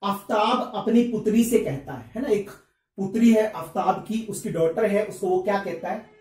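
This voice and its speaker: A man's voice: high-pitched, normal speed, darkish tone. A man teaching a maths lesson, chatty, putting questions to the students and answering them himself. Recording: roomy echo, mic at a distance.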